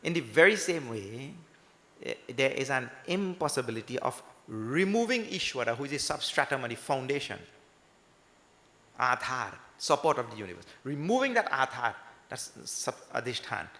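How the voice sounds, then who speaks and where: A man's voice: mid-range voice, sing-song, normal speed, pushed and bright. A man giving a scripture discourse as a swami, emphatic, repeating points and posing questions that he answers himself. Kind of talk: sermon with question-and-answer teaching. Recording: echoey hall with long reverb, faint music.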